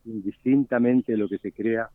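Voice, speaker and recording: A man's voice: on the low side, steady tone, moderate pace, no room sound. A man with a Costa Rican Spanish accent, an organic farmer speaking as an interview guest, earnest and reflective. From Costa Rica. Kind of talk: phone interview. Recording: dry tinny phone line.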